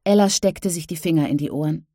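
Woman narrator, audiobook, mellow tone, dry close mic. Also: low voice, brisk, no echo. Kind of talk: scripted narration.

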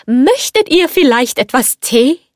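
A woman's voice: on the high side, lively intonation, measured pace, no echo, clean studio sound. A woman doing a fussing, motherly teapot. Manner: gentle, caring and fussing.

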